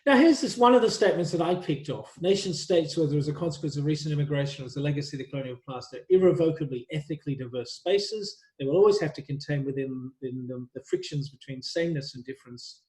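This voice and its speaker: A man's voice: on the high side, lively intonation, fast, hardly any pauses, a little mellow, roomy sound. A man lecturing a university workshop, thinking aloud with many fillers and restarts.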